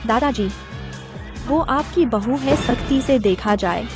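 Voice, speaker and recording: A woman's voice: fairly high pitch, slow pace. An actress dubbing a protective, outspoken young woman who scolds firmly. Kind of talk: Hindi drama dubbing. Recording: dialogue over music.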